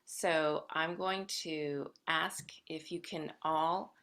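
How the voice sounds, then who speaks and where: Female workshop lecturer, American accent, very unhurried delivery, clear-cut bright tone, addresses the group directly. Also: low-pitched, steady tone. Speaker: guest lecturer in music education. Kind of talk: workshop presentation with gentle guidance.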